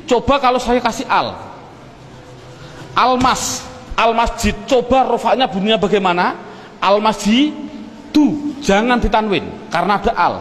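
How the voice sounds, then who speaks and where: High-voiced male teacher, echoing room. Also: fairly bright tone. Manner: drills with questions he answers himself. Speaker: Arabic grammar teacher. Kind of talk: classroom lecture.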